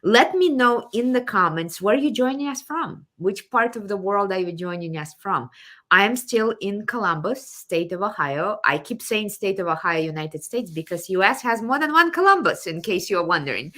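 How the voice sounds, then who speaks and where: A woman's voice: mid-range voice, expressive, normal speed, fairly bright tone. A woman from Kazakhstan hosting a live online show, enthusiastic and fond of repeating her welcomes. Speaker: show host.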